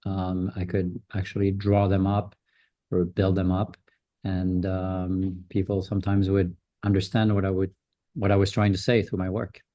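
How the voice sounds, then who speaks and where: A man's voice: sits low, monotone, normal speed, highs cut off. A man in his fifties, a designer being interviewed, answering thoughtfully with many ums and restarts. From Switzerland. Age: 50s. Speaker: guest designer.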